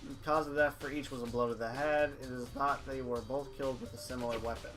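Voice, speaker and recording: A man hosts a let's play, switching between reading game text aloud and casual remarks. His pitch is average, and there is faint music behind him. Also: fairly even intonation, fast.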